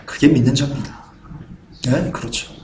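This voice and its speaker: A man preaching a sermon as pastor, building from quiet low talk to loud impassioned preaching and acting out blunt quoted speech. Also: normal speed, slight background noise. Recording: echoey church room.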